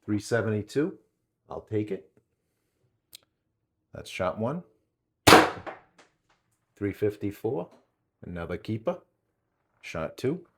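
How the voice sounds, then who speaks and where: A low-voiced man with a New England accent talks through a hands-on gear test. He calls out readings one after another and rambles into chatty asides between them, in an easy, unscripted way. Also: very animated, slow, vocal fry, long pauses, heavy background noise. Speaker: channel host testing gear. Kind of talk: casual hands-on test narration.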